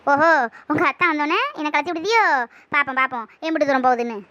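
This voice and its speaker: A bossy young village woman teases her friend in a cartoon, as a woman puts her on. She talks in a lower, brisk and mocking tone. The sound is dull and lo-fi. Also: pushed and bright, dry recording. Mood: teasing. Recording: dull lo-fi recording.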